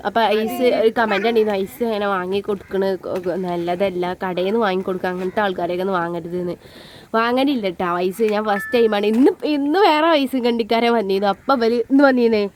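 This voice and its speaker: A woman's voice: medium pitch, fast, a little hiss or hum. A woman, chatting casually to her viewers in a family vlog. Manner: chatty, addresses viewers, ends remarks with soft tags. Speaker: family vlogger.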